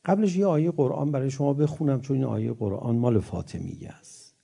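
A man preaching a religious sermon who chants scripture verses slowly, then explains them in lively, storytelling speech with rising emphatic peaks. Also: mid-range voice, gravelly, slightly rough.

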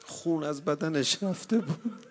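A man reciting a religious mourning sermon, impassioned and swelling to loud cries. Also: fairly high pitch. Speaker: eulogy reciter.

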